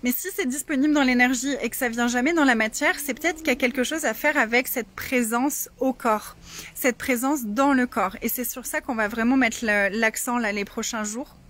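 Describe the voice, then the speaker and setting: A woman's voice: a little high, moderate pace, fairly bright tone. A woman coach talking casually to followers on a livestream, her voice resounding in an echoing space. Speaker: coach hosting a live session.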